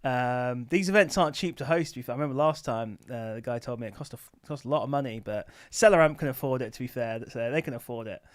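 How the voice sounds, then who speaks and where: A man with a mid-range voice talks quickly with few pauses, recorded cleanly in a dry studio setting. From his office, he hosts a casual livestream, rambling informally as he answers viewers' questions about online selling.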